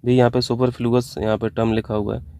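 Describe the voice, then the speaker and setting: Mellow male Hindi exam-prep teacher. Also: medium pitch, level tone, quick pace, a little hiss or hum. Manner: explains answer options step by step, asks and answers own questions; mixes English terms into Hindi. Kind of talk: online exam-prep lesson.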